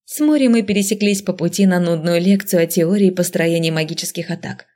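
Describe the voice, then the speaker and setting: A woman narrating a fantasy romance audiobook in first person, lively, jumping high for the heroine's squeaky lines. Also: a little fast.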